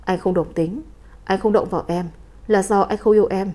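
A cold, commanding crime boss, voiced by a woman reading a story aloud. He speaks in short, calm, firm sentences, never raising his voice. The tone is mellow and soft-edged, at a middle pitch. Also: moderate pace, natural voice.

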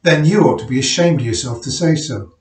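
A man voicing a plump, sharp-tongued miner's wife who talks with a sneering twang. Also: medium pitch, a little fast, roomy sound, recorded from a distance, close to an everyday voice. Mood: sarcastic.

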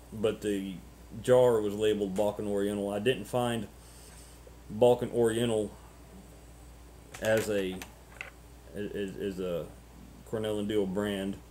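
A man in his thirties chatting casually and unscripted to camera as a vlogger, halting and ruminative, often repeating words, on noisy webcam audio. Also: lowish voice, warm tone. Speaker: pipe-smoking vlogger.

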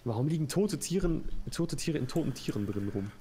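A man's voice: on the high side, animated, a little fast, warm tone, slight background noise. A man playing a co-op survival game with a friend, chatting casually and grumbling and swearing when things go wrong. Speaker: co-op gaming partner. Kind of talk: casual co-op gaming chat.

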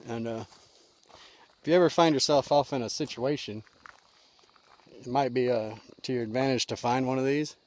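A man's voice: mid-range voice, normal speed, pauses often, darkish tone. A middle-aged man, casually vlogging by a creek in the woods, talking in a folksy, rambling way with lots of fillers. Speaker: outdoor survival vlogger. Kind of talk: casual outdoor vlog. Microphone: handheld camera at arm's length. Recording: outdoor camera mic, noisy.

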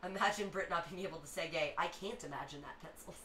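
A woman in her thirties with a slightly hoarse voice, hosting a casual livestream and chattily reacting to viewer comments. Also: sits low, fast, bright, forceful tone, distant mic. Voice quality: hoarse, rough-edged. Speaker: livestream music host. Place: small home music room, indoors. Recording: roomy, off-mic, faint background noise.

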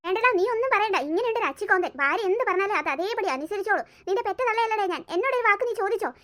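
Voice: very high voice, expressive, racing, sharp tone, full character voice. A voice actor playing a scheming, scolding old grandmother in a cartoon story, nagging and sarcastic. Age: older. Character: scheming, scolding old grandmother who hates the adopted boy.

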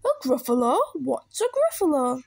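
A woman doing a high hooting owl. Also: sing-song, moderate pace, creaky, darkish tone, heavily acted. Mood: fussy. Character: fussy high-voiced male owl.

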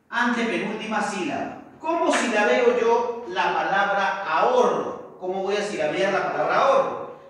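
A man's voice: high voice, fairly bright tone, recorded from a distance. A male teacher explaining step by step in a recorded lesson, often checking with "¿correcto?". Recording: very echoey room, voice off-mic.

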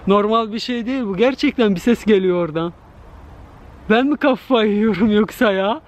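A man's voice: high-pitched, normal speed, slight background noise. A man vlogging with a handheld camera in an empty park at night, nervous and talking straight to his viewers. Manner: nervous, talks to viewers directly. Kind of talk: night-time scare vlog to camera.

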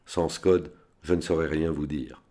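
A man with a very deep voice voicing a frail, frightened young Swiss bank clerk who pleads and protests. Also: steady tone, normal speed, warm tone. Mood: pleading. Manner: pleading, shrill outbursts.

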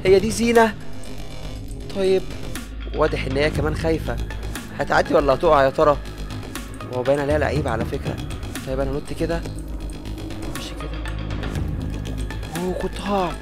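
Fast-talking Egyptian gamer man. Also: fairly high pitch. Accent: Egyptian Arabic. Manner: jumpy, excitable, talks to his viewers. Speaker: gaming YouTuber. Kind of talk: let's-play commentary. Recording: game music in the background.

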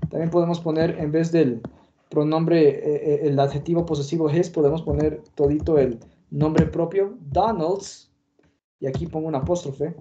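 A man's voice: on the high side, steady tone, normal speed, mellow, a little hiss or hum. A man teaching an English lesson online, explaining patiently with fillers, in dull lo-fi audio.

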